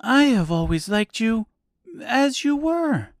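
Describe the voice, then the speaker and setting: Gentle young girl, high and simple, voiced by a male narrator, storybook reading. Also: very animated, slow pace, no echo, studio quality, full character voice. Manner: gentle and plain. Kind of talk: audiobook character voice.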